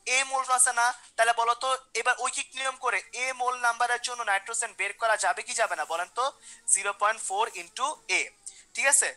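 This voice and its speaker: Fast, bright-voiced woman chemistry teacher. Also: on the high side, steady tone, rough recording. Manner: repeats questions, coaxes students by name. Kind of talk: online class lecture.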